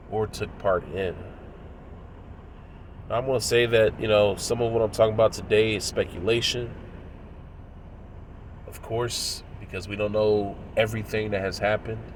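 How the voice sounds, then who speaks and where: A religious commentator in his thirties delivers a preachy video lesson, moralizing in a measured way with frequent pauses. His low voice is nasal and congested from a cold, he coughs, and his intonation stays fairly even over faint background noise.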